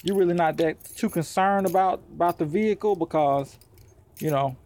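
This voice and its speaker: Man, high voice, used-car dealer, blunt and slangy, casual vlog, small office. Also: moderate pace, darkish tone. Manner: blunt, slangy, talks straight to the viewer.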